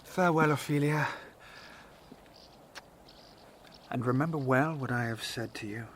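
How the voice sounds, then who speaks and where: An actor playing an earnest, protective young nobleman who cautions his sister in measured Shakespearean verse. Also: mid-range voice, natural voice. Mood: fond, hurried farewell. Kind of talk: Shakespearean stage acting.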